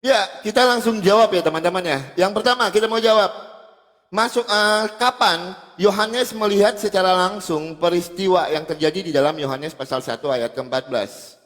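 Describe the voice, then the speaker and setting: A man's voice: high voice, moderate pace, a bit bright. Preacherly man quoting scripture, reverberant. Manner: preacherly, quotes scripture with verse numbers. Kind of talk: live-streamed religious debate.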